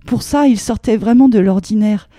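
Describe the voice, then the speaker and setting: A woman's voice: on the high side, normal speed, mellow, no echo, clean studio sound, close to an everyday voice. A woman voicing an eager, dreamy wife who tells of a strange dream. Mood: eager, wondering. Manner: eager, breathless telling.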